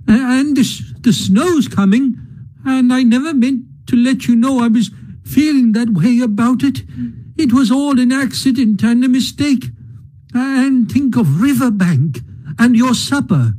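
A man's voice: very high-pitched, animated, unhurried, warm tone, pitched above the performer's own voice, exaggerated voice, poor audio. A man reading aloud and voicing a small, timid male mole who is crying, stammering and pleading. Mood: tearful pleading.

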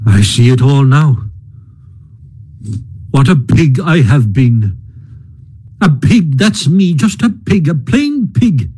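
A man doing a hearty, brisk Rat. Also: a little high, big pitch swings, warm tone, husky, heavily acted. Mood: gloomy self-reproach. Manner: hearty, bossy, cheering. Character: brisk, hearty male water rat, kindly companion.

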